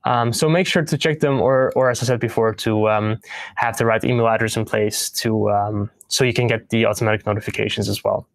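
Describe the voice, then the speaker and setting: A man's voice: fairly low pitch, fairly even intonation, fairly quick, creaky, no room sound. A young man hosting a livestream, presenting product updates with frequent ums, uhs and restarts. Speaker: host of a partner news livestream.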